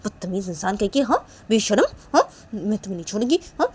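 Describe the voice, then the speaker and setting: A woman's voice: mid-range voice, very animated, fast, darkish tone, slightly rough. A woman voicing a jealous, hot-tempered young woman who scolds and nags. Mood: scolding. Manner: scolding, nagging with repeated "haan?". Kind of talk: storytelling role-play.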